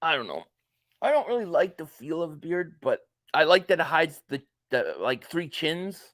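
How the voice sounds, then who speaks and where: His pitch is a little high and swings widely, his speed normal, his tone a bit bright. He's a late-forties live stream host reacting to a football game, chatty and rambling, joking as he reads comments from viewers. The studio-quality audio has no echo.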